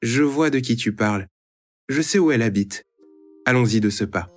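A man's voice: mid-range voice, normal speed, no echo, faint music behind, close to an everyday voice. A man voicing a worried, hot-tempered mother of two children in a read-aloud storybook. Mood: determined. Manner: anxious questioning, bursting into shouted anger.

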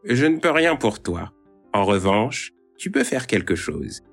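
A man's voice: lowish voice, big pitch swings, a little slow, faint music behind, full character voice. A man voicing a grating-voiced, sneering old witch in a read-aloud storybook. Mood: stern. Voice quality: grating, creaky voice. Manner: sneering, cold and stern. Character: mocking old witch in a violet dress.

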